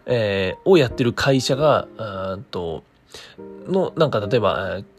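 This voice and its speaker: A man's voice: fairly low pitch, animated, moderate pace, faint music behind. A man hosting a casual solo talk stream, mixing polite presenter phrasing with chatty asides and thinking aloud in a hesitant, meandering way. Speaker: creator hosting his own daily talk stream. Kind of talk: casual solo monologue to listeners.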